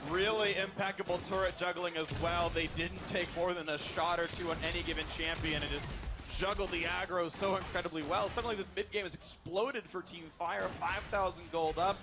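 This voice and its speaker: A man casting a live video game match, joking and calling the action excitedly. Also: high-pitched, brisk, background noise. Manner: excitable, jokey play-by-play. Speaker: esports caster. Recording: commentary over loud game music.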